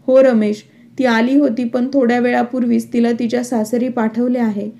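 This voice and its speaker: A gentle middle-aged father, calm and conciliatory, voiced by a woman reader. Fairly high, even and mellow, in a narrated storybook. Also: moderate pace, gravelly.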